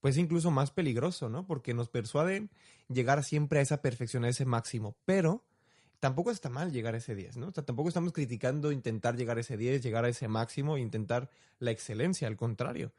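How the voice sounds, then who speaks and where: A man's voice: medium pitch, fairly quick, darkish tone. Young man, reflective. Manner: storytelling, reflective, asks rhetorical questions. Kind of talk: casual conversational chat.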